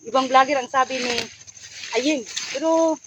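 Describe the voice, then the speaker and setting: A woman vlogger stepping in to calm two arguing friends. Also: high voice, normal speed, slight background noise, rough recording. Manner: pleading, peacemaking. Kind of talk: mediating a staged argument.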